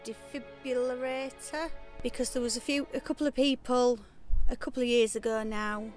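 A woman with a slightly high voice explains things in a plain, matter-of-fact way. Soft music plays behind her. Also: fairly even intonation, moderate pace. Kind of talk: casual interview.

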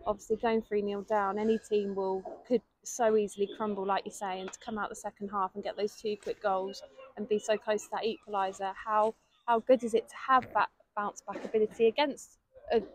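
A woman's voice: mid-range voice, level tone, brisk, a little hiss or hum, low-quality recording. A woman interviewing a football manager after a match, asking long multi-part questions.

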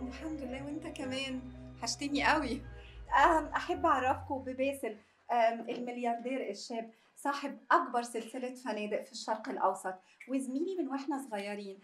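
An actress playing a sharp-tongued divorced journalist in a sitcom, with an Egyptian accent and quick, mocking comebacks. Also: female voice, high-pitched, soft background music.

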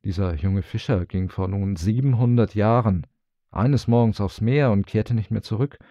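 A man reading a storybook, voicing a stooped old village man who asks his questions slowly and with measured wonder. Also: on the low side, warm tone, no echo, dull audio, natural voice. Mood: puzzled.

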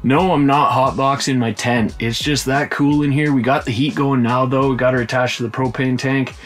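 This fishing channel host is a Canadian man in his thirties from Ontario, with a mid-range voice, flat delivery and a moderate pace. He hosts his outdoor fishing vlog in an upbeat, chatty way, recorded on a camera mic on a frozen lake and inside a small tent, with faint music in the background.

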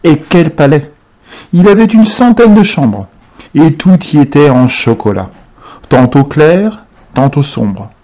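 A man reads a children's novel aloud with expressive storytelling. His pitch moves lively, and his tone is mellow and dark. The recording sounds dull and muffled. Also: slow pace. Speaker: reader for a class.

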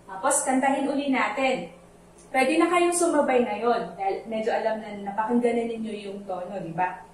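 A woman's voice: fairly high pitch, normal speed, a little mellow, slight background noise. A Filipino woman teaching a children's Sunday school lesson, explaining a Bible verse patiently in mixed Tagalog and English and singing its lines to teach the tune. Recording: echoey, from a distance, with faint music.

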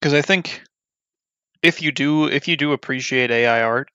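Man, gaming commentary, rambling, blunt, frequent ums, crisp tone, dry, slightly muffled recording. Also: a little high, moderate pace, bright, forceful tone, no echo. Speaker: gaming YouTuber. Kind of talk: casual gameplay commentary.

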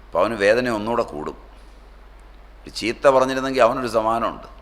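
A man giving a spiritual discourse, telling homely stories in a folksy way and drawing out scripture terms slowly in a chant-like tone. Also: mid-range voice, expressive. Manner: folksy storytelling with dropped-voice asides. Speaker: swami teaching a scripture class.

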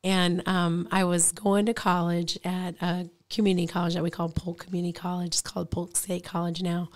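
A woman's voice: fairly low pitch, brisk. Chatty woman telling a story. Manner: chatty, animated storyteller with many fillers. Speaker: guest, insurance agency owner. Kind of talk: casual storytelling interview. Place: radio studio.

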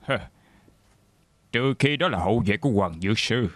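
A man's voice: lowish voice, animated, moderate pace, a bit bright, dry recording. A man dubbing a proud, boastful martial arts monk. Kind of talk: dubbed TV drama.

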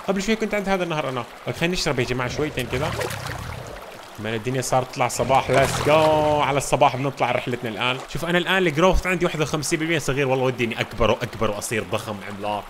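Rapid-fire excitable man gaming. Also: on the high side, background noise. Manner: excitable, constantly talking to viewers as "guys". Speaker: gaming channel host. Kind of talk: let's-play game commentary.

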